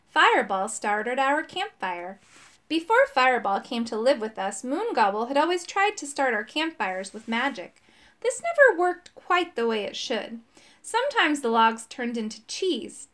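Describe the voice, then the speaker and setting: Expressive woman reading a storybook. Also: a little high. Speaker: audiobook narrator. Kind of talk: storybook narration.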